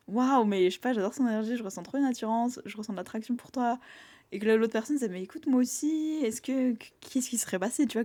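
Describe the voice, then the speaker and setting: Young woman, quick chatty delivery, acts out quotes in passing; casual reflective monologue. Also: mid-range voice, darkish tone. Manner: chatty, lots of fillers and acted-out quotes. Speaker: vlogger sharing reflections.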